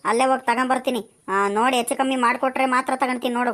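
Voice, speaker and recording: A woman's voice: sits high, steady tone, very fast, a bit bright. A woman playing a chatty, bossy village woman shopping for saris, nagging and teasing in a comedy skit.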